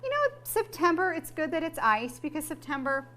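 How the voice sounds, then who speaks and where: A woman's voice: high-pitched, sing-song, moderate pace, bright, forceful tone. Chatty middle-aged woman hosting cooking show. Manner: chatty, instructional, laughs often. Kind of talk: casual cooking demo with family.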